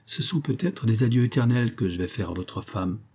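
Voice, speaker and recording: A man's voice: fairly low pitch, animated, a little fast, dark tone, husky. A man reading the part of a bold young cavalier lover, gallant and theatrical, in an audiobook.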